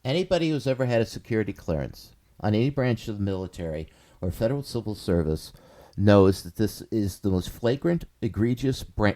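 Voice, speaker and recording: Dark-voiced indignant male co-host. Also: lowish voice. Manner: emphatic, indignant. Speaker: podcast co-host. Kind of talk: casual podcast chat.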